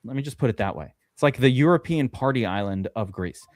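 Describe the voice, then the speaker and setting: In casual live-stream chat, a US podcast host drafting fantasy football spins a long, meandering story loaded with swearing and fillers. His voice is medium-pitched and animated, and his pace is brisk. The sound is clean studio quality with no room sound.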